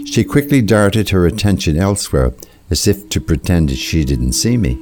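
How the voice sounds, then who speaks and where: Man as deep-voiced, reflective storytelling seeker. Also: big pitch swings. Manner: measured, literary, reflective. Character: thoughtful, questioning male seeker narrating his own tale. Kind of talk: scripted first-person story narration.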